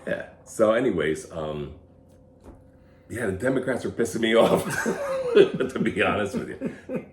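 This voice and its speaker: A man's voice: fairly low pitch, wildly swooping pitch, a little slow. A man co-hosting a podcast in casual political chat, blunt and opinionated, chuckling often. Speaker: podcast co-host. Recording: roomy echo, faint background hum.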